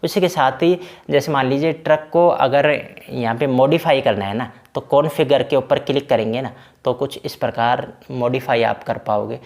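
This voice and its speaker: A man talks the viewer through a truck game's menus in an easy, chatty tutorial manner, with fillers tumbling in. His voice sits at a middling pitch with a gravelly, creaky edge. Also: moderate pace, darkish tone. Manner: chatty, repeats fillers like "na" and "bhai". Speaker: game tutorial creator. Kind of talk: casual screen-recorded game walkthrough.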